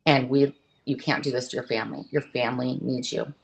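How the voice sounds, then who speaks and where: A middle-aged woman with a notably low voice, speaking as an interview guest. She talks in an open, earnest, halting way, breaking off and restarting her sentences. Her delivery is candid and conversational. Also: fairly even intonation, creaky, rough recording.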